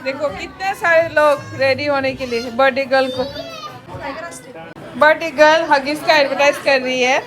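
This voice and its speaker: A woman's voice: high-pitched, moderate pace, rough recording. A woman from Tripura, India, chatting playfully to camera as a vlogger at a busy indoor birthday party. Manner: playful, joking narration to camera. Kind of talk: casual vlog chat. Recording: lively crowd noise behind.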